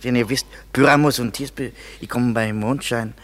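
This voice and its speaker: In a German radio play, an actor with a natural, mid-range voice plays a male craftsman leading a play rehearsal. He speaks at a moderate pace with fairly even intonation, sounding agreeable and organizing while repeatedly going over the same points.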